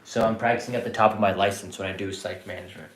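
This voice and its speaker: A man in his thirties, born in India and raised in Canada, chatting casually on a live stream as a psychiatrist answering viewer questions, relaxed and rambling with frequent restarts. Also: on the low side, rapid-fire, echoey room, slight background noise. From born in India, grew up in Canada.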